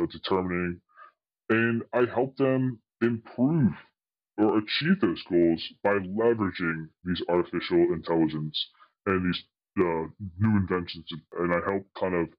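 A man's voice: deep voice, highs cut off. Man with an altered, disguised voice. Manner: hesitant, many fillers and restarts. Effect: voice altered to disguise identity. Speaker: anonymous guest, tech specialist. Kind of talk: interview answers.

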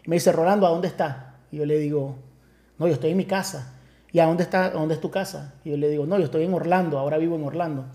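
Pastor recounting his conversion, warm low tone, stop-start storytelling. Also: steady tone, fast. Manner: storytelling with many restarts, acts out quoted voices. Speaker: pastor, podcast guest. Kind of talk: emotional personal testimony.

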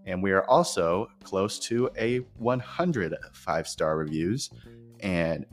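Speaking slowly, this podcast host has a low-sitting voice and lively intonation. His informal, scripted show explains things directly to the audience from a bare new office without furniture, where his words echo over background music.

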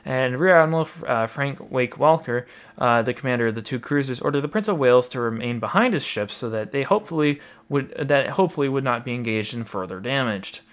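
A man tells a naval history story in a loose, chatty way. He fills pauses with ums and uhs, corrects himself and drops dry jokes. His voice sits at an ordinary middle pitch. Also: expressive. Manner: rambling, many fillers and asides, wry humor. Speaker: history narrator. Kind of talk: casual history narration.

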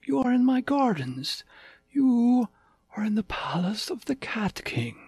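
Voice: medium pitch, very animated, a little slow, darkish tone, breathy edge, voice pushed up, heavily acted. A storyteller playing a formal tiger king. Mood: polite. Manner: formal, polite speech without contractions. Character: male tiger cat king, patient and formal.

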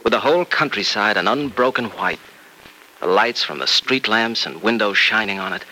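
An actor playing a kind, reassuring young male doctor in a 1940s radio drama, speaking gently and earnestly. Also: on the low side, animated, normal speed, exaggerated voice, rough recording.

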